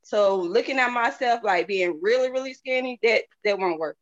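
Higher-voiced Southern US woman, candid and folksy. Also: normal speed. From southern United States. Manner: candid, folksy, repeats phrases for emphasis. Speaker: interview guest, product seller. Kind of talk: casual testimonial chat. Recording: dull lo-fi audio.

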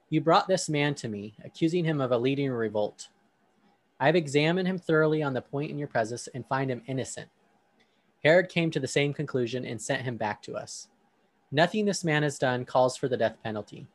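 A podcast host with a mid-range voice leads a relaxed discussion full of ums, then reads a Bible passage aloud. There is no echo.

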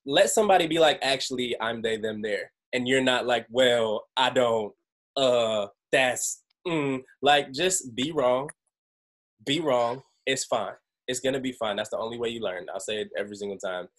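A young man hosts a group call, talking casually at a normal speed in a mid-range voice. He's animated, acting out the voices he quotes and laughing along the way.

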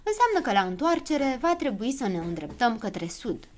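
Lady reading a smartypants gnome, calm and explain-y. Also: on the high side, slight background noise. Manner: explaining, patient. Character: calm know-it-all little male gnome.

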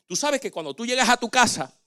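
A man preaching as a pastor, animated and acting out quoted dialogue. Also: very high voice, fast talker, smooth. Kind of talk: sermon.

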